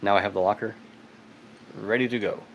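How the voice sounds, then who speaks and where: Low-voiced guy chatting on a garage livestream, laughs a lot, reads chat out loud. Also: fairly even intonation, brisk, a little hiss or hum, rough recording. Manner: laughs often, reads viewer comments aloud. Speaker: livestream host. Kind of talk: casual live-stream chat while working. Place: home garage. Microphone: phone on tripod.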